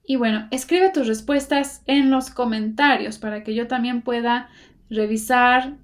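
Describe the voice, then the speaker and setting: Patient, slow-talking woman teaching grammar. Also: fairly high pitch. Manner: slow, careful enunciation of English example sentences; patient step-by-step explaining. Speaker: English teacher. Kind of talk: Spanish-language English grammar lesson.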